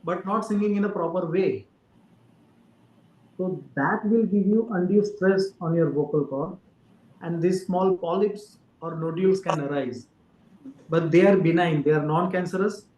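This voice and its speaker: A man speaks as a doctor, explaining things patiently and filling pauses with "uh". His voice sits slightly high. The room around him rings with a noticeable echo. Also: darkish tone, a little hiss or hum. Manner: careful explainer with frequent fillers. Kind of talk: explaining to an interviewer. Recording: roomy echo.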